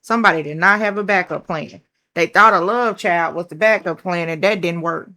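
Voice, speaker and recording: A woman with a country accent and a somewhat low voice reads tarot cards to her viewers in a loose, chatty way. She is blunt, swears casually, and thinks out loud over each card, calling her listeners child and baby. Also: normal speed. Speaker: tarot reader.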